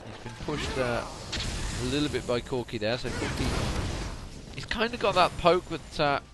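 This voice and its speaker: Over music, a man with a mid-range voice speaks a little slowly as he calls a video game solo late at night. He's a tired esports commentator, chatty and rambling, who keeps correcting himself, with steady noise under his voice.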